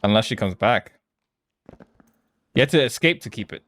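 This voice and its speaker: A man streaming a horror game, chatting live, easily scared and quick to swear. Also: mid-range voice, expressive, a bit bright, a little hiss or hum. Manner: swears freely.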